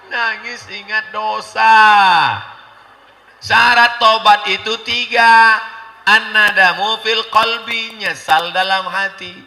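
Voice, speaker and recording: A male preacher delivers a humorous sermon with a very bright, ringing voice, pitched a little high. He jokes constantly and slips into high voices to mimic congregants' questions. The sound comes from an echoey hall with a long reverb and a faint murmur behind it. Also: flat delivery, slow.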